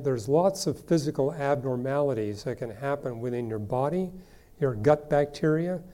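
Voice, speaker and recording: An older man answering listener questions at length in an explanatory, steady way with frequent fillers. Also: medium pitch. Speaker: guest astronomer answering questions. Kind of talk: live Q&A discussion.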